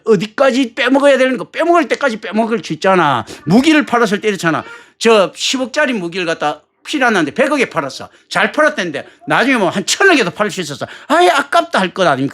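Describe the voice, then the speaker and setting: A man's voice: high voice, fairly bright tone. A male pastor preaching a sermon in a colloquial, joking way, full of rhetorical questions.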